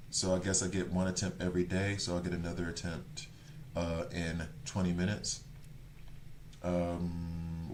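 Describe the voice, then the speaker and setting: A talkative Swiss game streamer whose first language isn't German rambles to viewers and reads their chat out. His voice is low and a little mellow, with a touch of hiss or hum on the recording.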